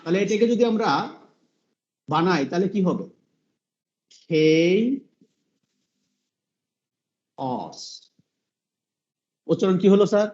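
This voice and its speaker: A man's voice: sits high, a little mellow, lo-fi sound, a little hiss or hum. A man teaching English pronunciation in an online class, patient and repetitive, often quizzing the listeners. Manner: patient, repeats sounds slowly, asks the class questions.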